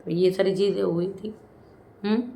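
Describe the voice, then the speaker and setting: Brief: chatty woman reviewer, mid pitch, humming fillers, roomy echo. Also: steady tone, moderate pace, creaky, warm tone. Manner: chatty, frequent filler hums, dramatic scolding asides. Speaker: reality show reviewer. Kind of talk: casual video review commentary.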